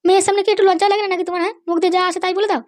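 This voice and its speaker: Woman plays a shrill, scolding cartoon mother, very high and fast. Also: level tone, a little mellow, dry recording, clean studio sound. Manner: nagging, scolding. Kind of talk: cartoon voice acting.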